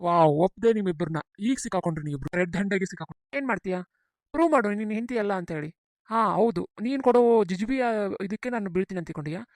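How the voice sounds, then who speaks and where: A woman with a North Karnataka Kannada accent doing quick, emotional cartoon dialogue, often pleading. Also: medium pitch, expressive, darkish tone, no room sound, clean studio sound. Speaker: voice actor playing several cartoon figures. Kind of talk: cartoon voice acting.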